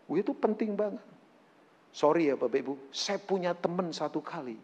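A man preaching a sermon to his congregation, animated and joking, acting out quotes. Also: fairly high pitch, moderate pace, long reverb tail. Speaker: pastor. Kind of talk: lively sermon.

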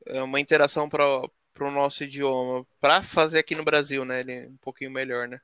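Bright-voiced Brazilian man. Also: medium pitch, level tone, brisk, clean tone, dry recording. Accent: Brazilian Portuguese. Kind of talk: casual chat.

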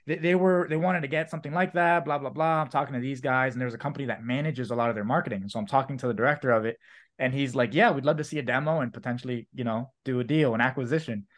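A man's voice: medium pitch, quick pace. A man in his twenties talking casually, with lots of fillers, telling a story. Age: 20s. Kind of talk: casual chat.

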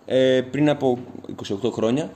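A man's voice: mid-range voice, warm tone, a little hiss or hum. A man recapping a film in casual chat, rambling and often correcting himself. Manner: rambling, self-correcting, slangy.

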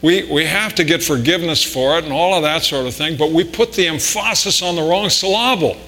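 A pastor preaches a conversational sermon in a church sanctuary, using anecdotes and pressing harder on his key points. His voice is a little high, brisk, bright, and forceful, captured in a reverberant hall with mains hum.

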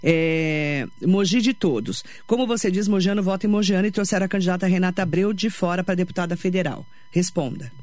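A woman's voice: fairly low pitch, fairly quick, hardly any pauses, a little mellow, dry recording. A Brazilian woman hosting a live radio talk show, chatty and self-deprecating, reading out listener messages. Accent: Brazilian Portuguese. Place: radio studio.

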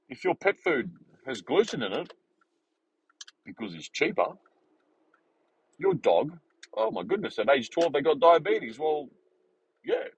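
A man in his forties hosting a podcast, talking in a rambling, animated way with many fillers and restarts. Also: fairly high pitch, gravelly, husky, poor audio. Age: 40s. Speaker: podcast host. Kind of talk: casual unscripted monologue.

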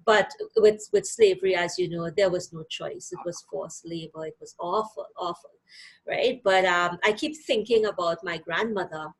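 Breathy woman with a Trinidadian accent. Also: fairly low pitch, sing-song, moderate pace, low-quality recording. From Trinidad and Tobago. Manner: thoughtful, reflective storytelling. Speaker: guest, financial literacy and credit counselor. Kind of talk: interview conversation.

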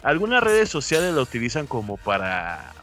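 A man's voice: medium pitch, wildly swooping pitch, moderate pace, over loud music. A young Mexican man in casual chat, laid back and slangy, explaining his point with asides.

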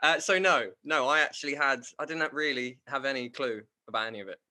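A man's voice: medium pitch, brisk, sharp tone. A man with an Estuary English accent from Kent, chatting casually and jokily as a theatre performer in an interview. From Ashford, Kent, England. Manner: jokey, self-deprecating. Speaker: musical theatre performer guest. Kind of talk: casual group interview chat.

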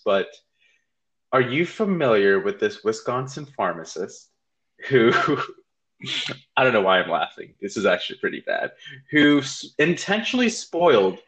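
A man's voice: mid-range voice, sharp tone, rough recording. Chatty man co-hosting a podcast. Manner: laughs while telling stories, hedges his wording. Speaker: podcast co-host. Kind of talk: casual chat.

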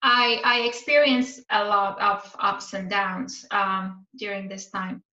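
With a sharp, mid-range voice and fairly even intonation, a woman in her thirties from Iran speaks slowly as a podcast guest. She chats casually, filling gaps with hesitant ums, in a roomy, dull lo-fi recording.

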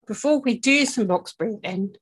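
A woman working as a breathing coach, talking candidly and informally to camera in a deliberate, halting way with long pauses, often checking in with the listener. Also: on the high side, lively intonation, breathy edge. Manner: candid, conversational, checks in with okay and yeah. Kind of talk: informal spoken talk to camera about anxiety and breathing.

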